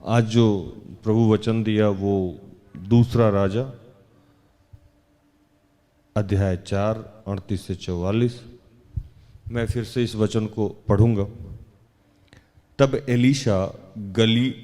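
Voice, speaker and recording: A man preaching a sermon, reading scripture slowly and deliberately and then preaching with rising emphasis. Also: lowish voice, fairly even intonation, mellow, in a large hall. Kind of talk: Hindi sermon with Bible reading.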